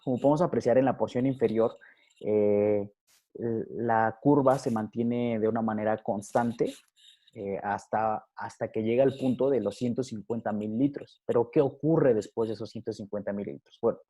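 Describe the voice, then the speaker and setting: Halting lecturer, mellow voice. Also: male voice, fairly low pitch, fairly even intonation. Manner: halting, many fillers and tag questions. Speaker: physiology lecturer. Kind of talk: recorded lecture over slides.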